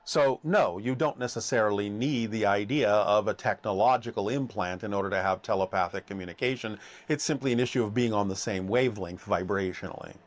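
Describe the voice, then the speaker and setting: A man answering questions in a formal, measured way, speaking as "we" and slowing down on key phrases. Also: on the low side.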